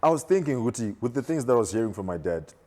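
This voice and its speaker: A man's voice: mid-range voice, sing-song, rapid-fire, dark tone. A young South African man co-hosting a casual chat, telling rambling family stories and swearing casually. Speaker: podcast co-host.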